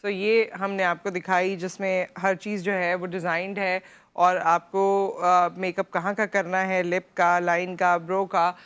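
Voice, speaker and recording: A woman's voice: fairly low pitch, level tone, a little slow, clear, resonant tone. A woman with a Pakistani accent hosting a TV studio interview, talking in a conversational way with frequent affirming murmurs. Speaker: TV morning show host.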